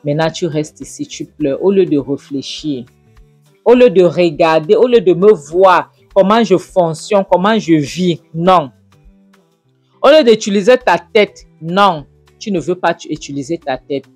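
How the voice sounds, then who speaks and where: A woman's voice: lowish voice, measured pace, slightly rough, dry recording, soft background music. A woman voicing a scornful middle-aged mother who hectors and taunts her daughter. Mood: mocking. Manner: taunting, hectoring, rising to loud jabs.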